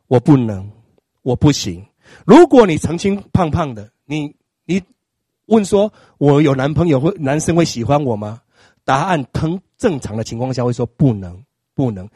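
A middle-aged man preaching a sermon, acting out little scenes in an animated way. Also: high-pitched, slightly rough, dry recording, clean studio sound. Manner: animated, acts out scenes with exaggerated crying.

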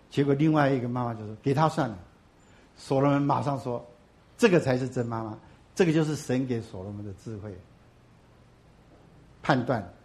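A pastor preaching to his congregation. He asks questions and answers them himself, swinging from loud emphatic bursts to low, soft asides. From Taiwan. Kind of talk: sermon.

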